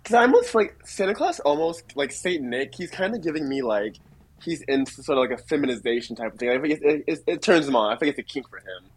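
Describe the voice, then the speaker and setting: A man's voice: medium pitch, expressive, quick pace, slightly rough. A man guesting on a podcast, talking in a playful, rambling way with lots of fillers. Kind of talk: casual podcast chat.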